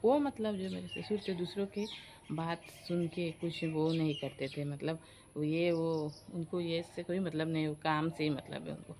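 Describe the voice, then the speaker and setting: A woman in her forties chats straight to her viewers, telling a long family story. She is animated and slips into her relatives' voices when she quotes them. There is a faint hiss of noise behind her. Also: deep voice, normal speed.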